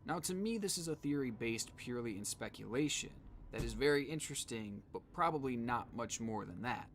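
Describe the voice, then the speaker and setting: A man's voice: medium pitch, animated, a little fast, slight background noise. Man narrating a true-crime mystery. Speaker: video narrator.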